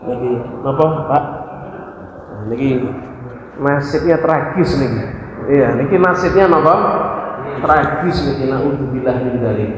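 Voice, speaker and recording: A man's voice: on the high side, darkish tone, slight background noise. A man with a Javanese accent preaching a hadith study sermon in a mosque, telling a story and acting out its characters' lines while asking the congregation questions. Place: mosque hall. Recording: very echoey mosque hall, faint ambience.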